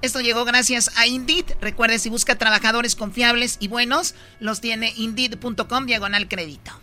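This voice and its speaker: A man's voice: extremely high pitch, fairly even intonation, normal speed, music in the background. A man hosting a radio show, chatting and relaying a news story to listeners. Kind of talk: radio morning show chat.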